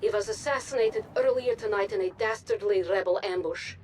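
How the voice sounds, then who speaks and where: A woman plays a polished, formal TV news anchor in a video game, reading state propaganda in a grave, dramatic newsreader style as a scripted broadcast. Her natural, medium-pitched voice is brisk and a little mellow, with slight background noise.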